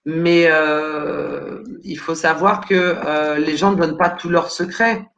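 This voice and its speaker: A woman's voice: low-pitched, steady tone, takes it slowly, creaky, a bit bright, dull audio. A woman career coach answering questions live on a video call, hesitant and full of fillers while searching her files.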